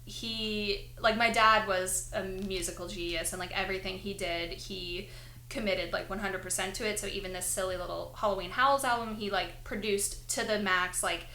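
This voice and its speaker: A woman's voice: medium pitch, fairly even intonation, moderate pace, pushed and bright, a little hiss or hum. A young woman from London raised in Los Angeles, chatting as a musician guest, rambling with lots of "like" and frequent giggles. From born in London, raised in Los Angeles. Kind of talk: casual interview chat. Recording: echoey room with faint ambience.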